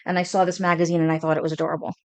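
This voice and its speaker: A woman's voice: low-pitched, very fast, clean tone. Chatty Brooklyn woman showing her stitching. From Brooklyn, New York. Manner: chatty, rambling, excited about her stitching. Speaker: cross stitch vlogger. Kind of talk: casual show-and-tell chat.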